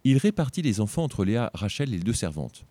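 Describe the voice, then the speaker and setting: Man, tired, informal Bible lesson, joking asides, warm mellow tone, dry close sound. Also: on the low side, sing-song, fairly quick, dry recording. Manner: digressive, joking asides while reading scripture. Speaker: Bible teacher.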